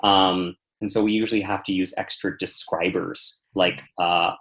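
A man who teaches meditation, patiently explaining ideas in a relaxed interview. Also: low-pitched, moderate pace, poor audio. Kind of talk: conversational interview answers.

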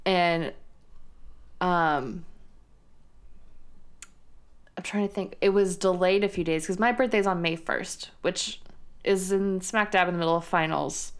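A young woman from San Antonio, co-hosting a podcast in a relaxed, rambling chat with frequent giggles. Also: on the low side, moderate pace, smooth. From San Antonio, Texas. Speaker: podcast co-host. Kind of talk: casual chat.

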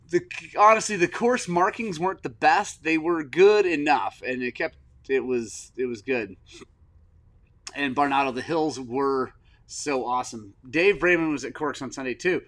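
A middle-aged man hosting a podcast in casual chat, an excitable storyteller who swings from loud enthusiasm to soft, choked-up moments. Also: fairly high pitch. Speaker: podcast host.

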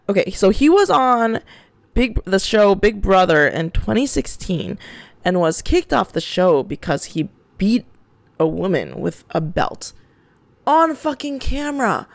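A woman's voice: mid-range voice, no echo. A young woman hosting a podcast, ranting in a casual, exasperated way, swearing and restarting her sentences. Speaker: podcast host.

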